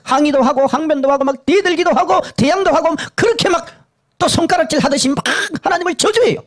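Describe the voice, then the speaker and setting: A male pastor preaching a sermon that recounts a vision, emphatic and repetitive, dropping to hushed lows and rising to urgent highs. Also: fast talker. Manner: emphatic and repetitive, swinging between low hushed and high urgent tones.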